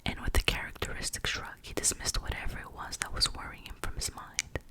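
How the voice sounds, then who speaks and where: An ASMR reader whispers a detective novel very close to the listener. The voice is fully unvoiced, soft and breathy, often slipping toward inaudible. The narration stays hushed and murmured throughout. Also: fairly quick.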